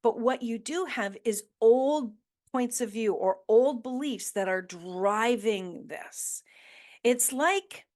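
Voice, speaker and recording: A woman's voice: a little high, a little mellow. A woman hosting a motivational talk, coaching listeners with earnest questions and emphatic repetition. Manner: slow deliberate delivery with emphatic repetition. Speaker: host.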